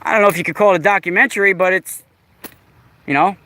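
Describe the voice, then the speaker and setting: A man in his forties films himself outdoors in a park. He talks back to people sarcastically and repeats his points. His voice sits high, with a sharp, bright edge. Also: quick pace, dry recording. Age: 40s. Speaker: vlogger. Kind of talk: casual vlog, arguing with a stranger. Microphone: camera mic while filming.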